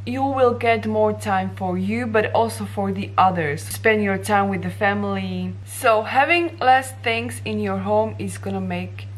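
Unhurried and with hardly any pauses, a young Slovak woman's medium-pitched voice comes through a rough recording. Speaking with a Slovak accent, the vlogger addresses the camera directly from a bright office room, using hand gestures while explaining.

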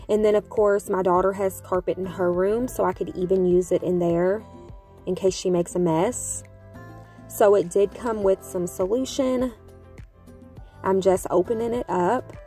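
A woman home vlogger talks casually over soft background music, cheerful and chatty, addressing her audience as "you guys." She has a gravelly voice of medium pitch.

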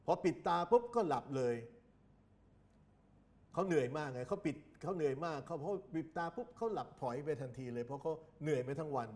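A man giving an exam-prep grammar lecture, reading English example sentences slowly and deliberately. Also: a little high, lively intonation, a little mellow. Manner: slow, deliberate, reads English examples out word by word.

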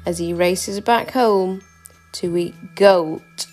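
A woman reading a rhyming picture book aloud with a steady, rhythmic delivery. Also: fairly low pitch, extremely slow. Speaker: storybook reader. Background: soft music.

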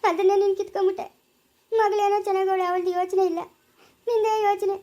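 A worried elderly village mother, played by a woman, speaking plaintively with a Chikkaballapura Kannada accent. Her voice is very high. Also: little pitch movement, fast, mellow. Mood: sorrowful. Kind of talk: amateur family drama acting.

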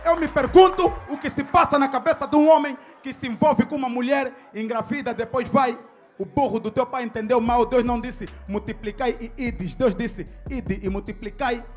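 A man's voice: very high voice, fairly even intonation, moderate pace, faint music behind. A man with an Angolan Portuguese accent delivering boastful, half-sung battle rap verses on a club stage. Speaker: battle rapper. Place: indoor club stage with a crowd.

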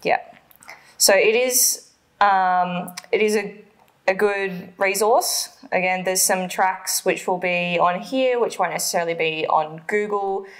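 A woman in her thirties with an Australian accent co-hosts a travel vlog from her living room. Her voice is mid-range and her pace measured as she chats casually, explaining things with lots of ums.

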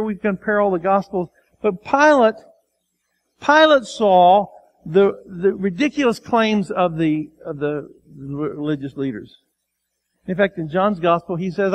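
A man with a Midwestern American accent preaching a sermon as pastor, acting out quoted voices and swinging between loud, raised lines and quiet, low ones. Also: muffled recording. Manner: acts out the crowd and Pilate in quotes, sometimes shouting; drops to a quiet, low voice for emphasis.

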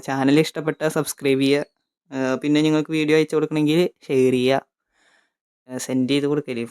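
A young man from Kerala, giving excitable casual commentary as a gaming YouTuber, shouting at the game and talking to viewers. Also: a little high, clear, resonant tone.

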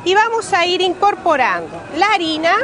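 Music plays in the background as a Uruguayan woman in her forties, a pastry cook, runs a step-by-step cooking demonstration at an outdoor fair stand. She repeats key words in Rioplatense Spanish, her voice very high and very animated at normal speed.

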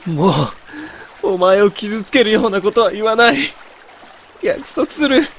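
A man's voice: high-pitched, unhurried, fairly bright tone, slight background noise. A man voicing a young boyfriend in an ASMR situation drama, remorseful, brusque yet tender and protective, talking bluntly and intimately as in pillow talk. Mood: desperate, pleading.

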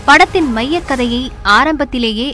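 A woman's voice: high voice, moderate pace. A woman narrating a scripted, dramatic TV feature with punchy, emphatic delivery. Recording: loud music bed under voice-over.

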